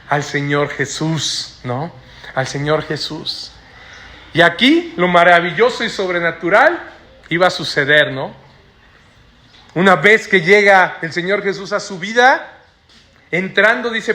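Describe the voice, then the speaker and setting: Male preacher, sharp, bright delivery, keeps checking in with his flock. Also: high-pitched. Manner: tags sentences with rhetorical "¿no?". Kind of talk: sermon. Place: church before a congregation.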